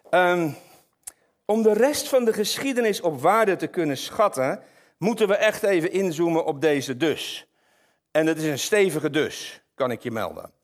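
A man preaching a sermon, reading a Bible passage aloud with lively asides to the congregation. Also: on the high side.

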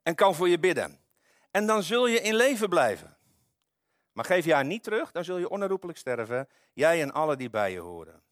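A man reading aloud the words of God speaking in a dream, in a calm, measured and stern manner. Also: a little high, dry recording, studio quality. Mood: warning.

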